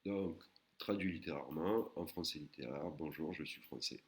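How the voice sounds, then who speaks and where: A man teaching a recorded language lesson, patiently explaining and sounding out words slowly, syllable by syllable. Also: very deep voice. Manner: slow, careful, syllable-by-syllable pronunciation of Thai words.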